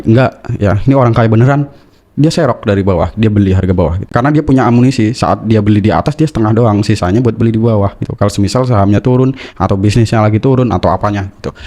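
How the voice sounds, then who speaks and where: Male finance YouTuber from Indonesia, mellow low voice, rapid, blunt, scolding delivery. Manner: blunt, scolding, slangy, tags lines with "gitu". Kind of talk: blunt casual monologue.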